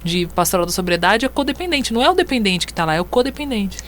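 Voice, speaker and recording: A woman hosts a radio talk programme at a very quick pace. Her voice is mid-pitched and sounds under the weather. She is chatty and informal, speaking as if straight to listeners. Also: sing-song, a little hiss or hum. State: under the weather, voice off and monster-like as self-described. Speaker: radio host. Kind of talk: live radio interview and listener greetings.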